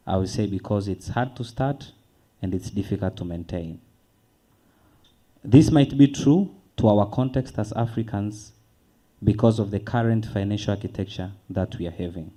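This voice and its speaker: A man from Tanzania, speaking earnestly on a conference panel, posing rhetorical questions and slowing to stress key words. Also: lowish voice, dark tone, rough recording.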